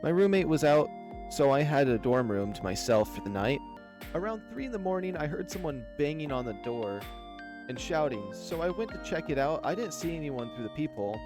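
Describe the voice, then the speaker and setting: A man voices a shy, nervous, gentle young animal character in a visual novel, his voice a little high. He speaks softly, hesitantly and apologetically, in a shy, reminiscing mood.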